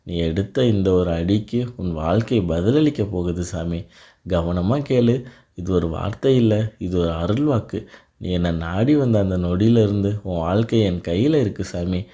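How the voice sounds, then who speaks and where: A man delivering a devotional blessing in a calm, reassuring voice, speaking directly to the listener. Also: sits low. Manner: calm, reassuring second-person address. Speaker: devotional narrator.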